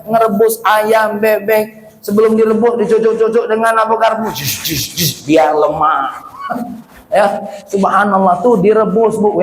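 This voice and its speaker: Brief: middle-aged male preacher, high-pitched and lively, animated storytelling sermon, echoey hall. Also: slight background noise. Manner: animated, shouting at times, laughing, asking the audience questions. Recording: echoey hall, faint ambience.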